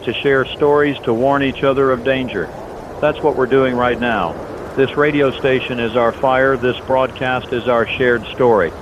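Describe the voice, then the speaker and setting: This is a fictional overnight radio broadcast: a man voices a steady, sincere host reading an emergency message in a scripted drama, choosing his words slowly and with calm gravity. He sounds close to how he would in everyday speech, though the lo-fi recording is muffled and buried under heavy outdoor rumble.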